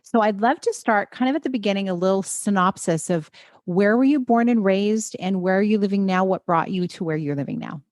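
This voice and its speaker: Hosting her wellness podcast, this woman, a health coach, reads the intro and poses interview questions with upbeat encouragement. Her mid-range voice is a little mellow and fairly quick, captured in a dry, studio-quality recording.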